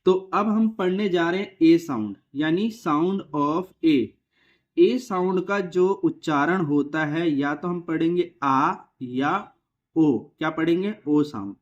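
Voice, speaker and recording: A man teaching English vowel sounds, asking a question and answering it himself, repeating each word slowly. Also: a little high, lo-fi sound. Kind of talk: phonics lesson for beginners.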